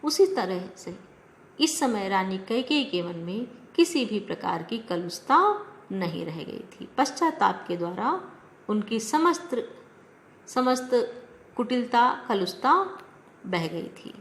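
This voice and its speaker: A woman's voice: medium pitch, sing-song, slow. A woman teacher reciting verses of a poem and explaining them line by line in a lesson.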